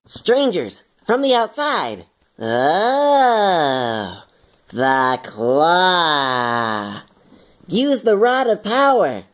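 A man's voice: on the high side, very animated, drawn-out words, a bit bright, pitched above the performer's own voice, full character voice. A young man switching into an impression voice of a small, naive, reverent toy alien. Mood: awed. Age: young adult.

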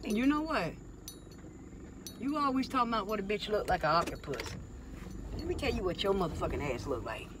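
Middle-aged mother, profane, scolding, mid pitch, noisy phone audio from a car. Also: animated, fairly quick, long pauses. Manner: loud, swearing, scolding. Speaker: prankster's mother. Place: inside a parked car.

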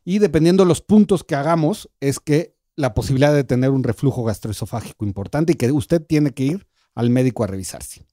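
A man, a gastroenterologist guest calmly explaining symptoms on a radio talk show. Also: mid-range voice, fairly quick, no echo, clean studio sound. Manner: calm, explanatory, walks through a quiz step by step. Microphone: studio microphone.

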